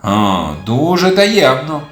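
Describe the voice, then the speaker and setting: A clever little male kitten from a children's audio tale, calm and a bit sly, as a storyteller puts him on. He speaks in a raised, measured voice with lively pitch movement. The sound is roomy, with gentle music underneath.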